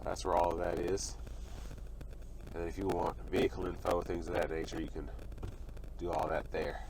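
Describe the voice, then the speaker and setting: In a low, flat voice with vocal fry and a darkish tone, a young man getting over a cold gives a walkaround car review at a moderate pace. He casually points out features in and around a parked car outdoors, with a little hiss or hum in the recording.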